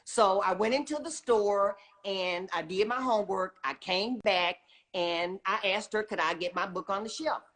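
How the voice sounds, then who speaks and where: With a fairly bright tone, a mid-range voice and a moderate pace, this retired teacher turned children's book author chats eagerly as an interview guest. She's middle-aged, emphatic and casual, frequently adding "okay?" to check in.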